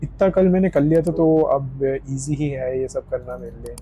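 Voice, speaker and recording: Mellow-voiced excitable man gaming. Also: mid-range voice, slight background noise. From India. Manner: excitable, repeats words in quick bursts while fleeing; mixes English gaming slang into Hindi. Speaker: gaming streamer. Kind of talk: casual gameplay commentary.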